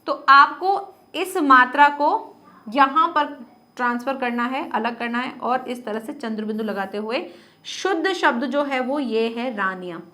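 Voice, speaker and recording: High-voiced woman teaching Hindi grammar. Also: measured pace, sharp tone. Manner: explains patiently, repeats words to model pronunciation; asks the class questions and answers them herself. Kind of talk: Hindi grammar lesson for students.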